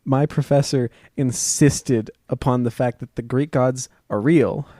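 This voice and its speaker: A man co-hosting a movie podcast in casual chat, goofy and jokey, quick to laugh. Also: medium pitch, fairly even intonation, warm tone, no echo, studio quality. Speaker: podcast co-host.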